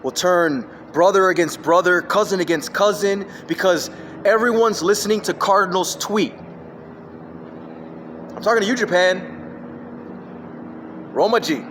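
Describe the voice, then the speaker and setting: Recording a solo rant on his phone, a high-voiced male vlogger hops between subjects with scattered, emphatic energy. His pace is measured and he pauses often, his tone fairly bright, while a faint hum lingers behind him.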